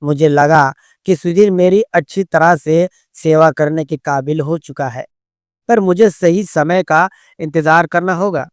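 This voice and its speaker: A man reading a first-person story as narrator in a steady, scripted storytelling manner on a close mic. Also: on the high side, clear, resonant tone, dry recording.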